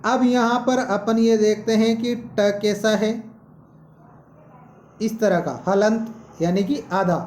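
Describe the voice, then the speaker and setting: A male teacher, explaining a lesson slowly and posing questions to students. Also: high-pitched, steady tone, a little mellow, echoey room, a little hiss or hum. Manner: slow, explanatory, asks questions. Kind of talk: classroom-style lesson.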